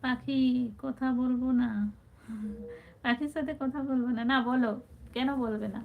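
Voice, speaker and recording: A chatty woman hosts a live stream, greeting viewers warmly as brother and sister while she reads their comments. Her voice sits a little high and comes through a thin, phone-like channel. A faint hiss runs underneath. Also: fairly even intonation, unhurried, gravelly. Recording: tinny phone-like sound with faint background noise.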